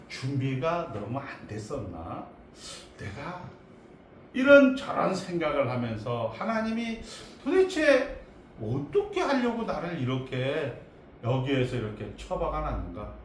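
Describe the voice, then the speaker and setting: A man's voice: on the high side, roomy sound, recorded from a distance, slight background noise. A man voicing a frustrated aging Moses who mutters questions to himself and grumbles. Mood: brooding. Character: frustrated aging man (Moses) brooding over wasted years.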